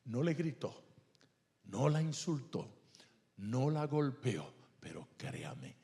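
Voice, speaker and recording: A man's voice: mid-range voice, takes it slowly, creaky. A man answering questions at a church men's meeting, telling stories and acting out the voices of the people in them. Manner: animated storyteller, acts out voices. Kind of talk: Q&A talk at a church men's event.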